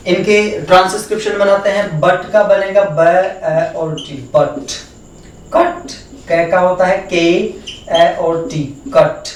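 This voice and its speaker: A man with a Hindi accent takes students through a phonetics lesson, repeating each word and sound several times. His voice sits high and moves slowly. The recording picks him up from some way off the mic, in a strongly echoing room. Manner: slow and explanatory, repeating words and sounds one by one. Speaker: teacher. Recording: echoey room, voice from far off the mic.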